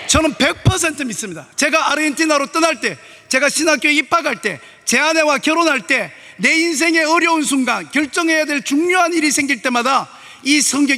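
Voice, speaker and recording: A middle-aged male pastor with a strikingly high voice delivers an animated, story-driven sermon. He slips into different voices as he acts out conversations. The sound carries a long church reverb. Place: church sanctuary.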